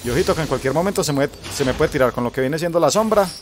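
A Colombian man narrating his own match in a loose, cursing, chatty way, muttering at the enemy and at himself. His voice sits a little high for a man. Soft music plays faintly underneath. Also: lively intonation, rapid-fire. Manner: casual, profane, talks to himself and his opponent. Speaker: gamer. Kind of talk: gameplay commentary.

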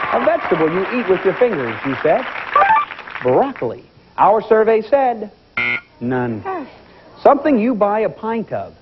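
A man hosting a TV game show, lively and joking with the contestants, heard on an old VHS tape recording. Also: sits high, lo-fi sound, heavy background noise. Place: TV studio with audience.

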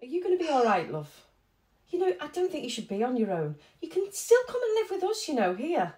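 A woman's voice: high-pitched, wildly swooping pitch, brisk, darkish tone, roomy sound. A middle-aged woman playing a chatty, doting mother in a comedy short, speaking over a video call. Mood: fussing. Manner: chatty, fussing, homely. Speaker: mother of the bride. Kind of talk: comedy short film acting.

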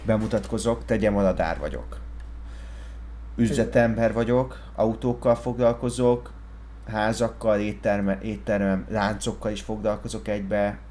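A man in a game roleplay playing a self-important businessman, rambling on and at times shouting angrily. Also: on the low side, fairly even intonation, a little hiss or hum. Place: game voice chat.

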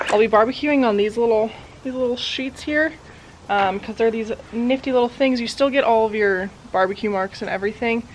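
A woman's voice: medium pitch, a little hiss or hum, rough recording. A young woman vlogging a casual cooking how-to, chatty and self-deprecating with lots of ums and likes. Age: young adult. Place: home kitchen and backyard grill. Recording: background music under voice.

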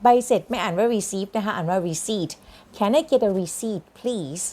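A young woman teaching English phrases for shopping, explaining in Thai and repeating each English phrase slowly, word by word. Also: mid-range voice, husky. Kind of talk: lesson.

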